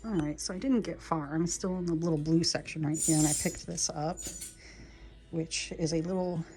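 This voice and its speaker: A woman vlogging as she browses a thrift store for vintage pieces to resell, often whispering excitedly to the items. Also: low voice, normal speed. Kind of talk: thrift store vlog narration.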